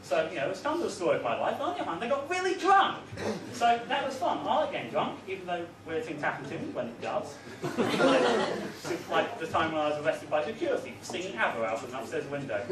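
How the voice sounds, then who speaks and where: A young man with a northern English accent doing a rambling, self-deprecating stand-up set in a student bar. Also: high voice. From northern England. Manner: rambling, self-deprecating, filler-heavy delivery. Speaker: stand-up comedian. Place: student bar with live audience. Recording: roomy, distant mic with audience laughter.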